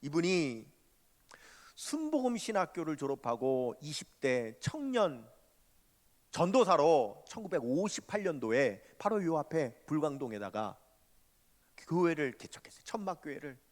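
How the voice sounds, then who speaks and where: A male pastor preaches a sermon with emphatic, dramatic storytelling. His voice sits high for a man. It carries through a church sanctuary with long reverb. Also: very animated, a little slow.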